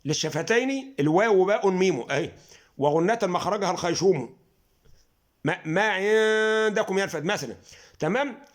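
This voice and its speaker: A man with an Egyptian accent teaching Quran pronunciation in a casual lesson, coaxing his listeners and often checking that they follow, slowing down to demonstrate letters. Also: sits high, animated. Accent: Egyptian Arabic. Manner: coaxing, repeats "تمام؟" often, slows down to demonstrate letters and recite verses.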